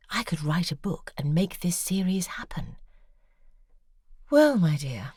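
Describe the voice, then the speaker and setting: An actress with a very deep, husky, slightly mellow and exaggerated voice performs an audio drama monologue as a worldly, sardonic woman novelist writing letters. Her delivery is intimate, confiding and drily ironic, recorded cleanly in a studio with no echo.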